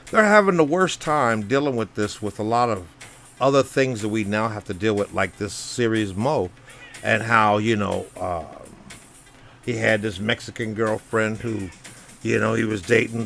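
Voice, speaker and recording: A man's voice: lowish voice, a bit bright. An American man musing in a loose, rambling commentary, full of "you know" fillers. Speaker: vlogger. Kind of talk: casual spoken commentary. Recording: faint background music under voice. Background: faint background music.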